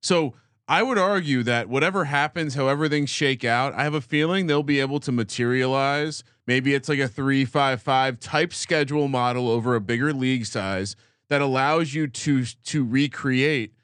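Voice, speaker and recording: A man co-hosting a sports podcast, making his case in a measured, reasoning way during casual debate. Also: medium pitch, a bit bright, smooth, dry recording, clean studio sound. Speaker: podcast co-host.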